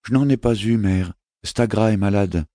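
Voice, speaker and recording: Man voicing a young boy prince, anxious, earnest, soft pleading tone, raised pitch, dry sound. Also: normal speed, no room sound, lightly acted. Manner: soft, pleading, childlike questions.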